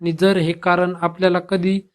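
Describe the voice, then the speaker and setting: A man's voice: high voice, level tone, normal speed, close to an everyday voice. A man voicing a worried village wife. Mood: anxious. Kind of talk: scripted devotional story narration.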